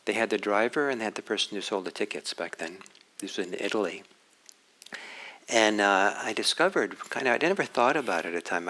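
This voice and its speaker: A Norwegian meditation teacher delivers a dharma talk in a low, gravelly voice that still has a bright, forward edge. He is unhurried and reflective, often pausing to restart his thoughts. The recording quality is low.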